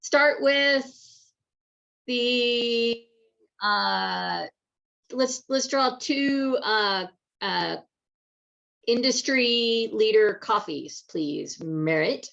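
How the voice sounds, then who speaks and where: Upbeat woman hosting, with a gravelly edge. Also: a little high, very slow, long pauses, a bit bright, dull audio. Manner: chatty and upbeat, with frequent fillers. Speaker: community host running an online event. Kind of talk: casual live webinar hosting.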